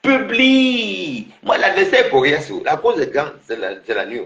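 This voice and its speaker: A man's voice: mid-range voice, very animated, fairly quick, fairly bright tone, reverberant. A man taunting a rival on his livestream, repeating himself and laughing mockingly.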